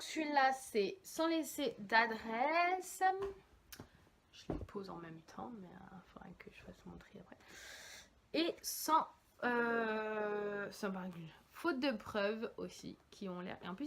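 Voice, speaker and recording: Young woman rambling about books, lots of ums, highish voice, bit of background hiss. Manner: chatty, rambling, lively, many fillers and self-corrections. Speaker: book vlogger. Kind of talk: casual chat.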